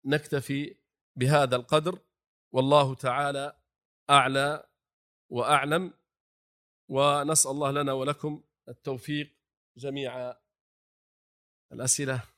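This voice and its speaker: A man's voice: mid-range voice, flat delivery, normal speed, pauses often, fairly bright tone. A man teaching a religious lesson, who addresses his listeners as brothers, poses rhetorical questions and answers them himself, and recites short phrases to demonstrate. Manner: demonstrates the call to prayer phrases aloud. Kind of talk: Islamic lecture.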